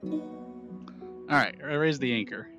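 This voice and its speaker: A streamer playing a game and commenting casually, excited and giggly. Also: medium pitch, takes it slowly, dull audio. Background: game music.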